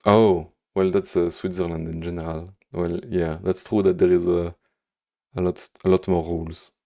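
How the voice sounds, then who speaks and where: Speaking at a normal pace, this Belgian man has a warm, low voice with vocal fry and little pitch movement. He carries a Belgian French accent, and while coding live he responds to chat, muses aloud through many fillers, and hums as he works.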